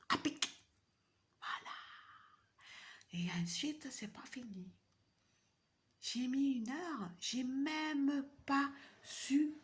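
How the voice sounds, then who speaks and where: A woman with a deep, low-set voice rants casually to her viewers. She swings from loud outbursts down to hushed whispers and repeats words for effect. She swears freely along the way. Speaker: vlogger. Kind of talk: casual rant monologue.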